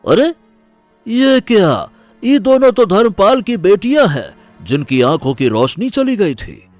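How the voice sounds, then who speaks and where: A man's voice: high-pitched, big pitch swings, measured pace, darkish tone, dry recording, soft background music. An actor playing a stern middle-aged village headman who speaks with commanding authority. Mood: surprised. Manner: commanding, pronounces judgment.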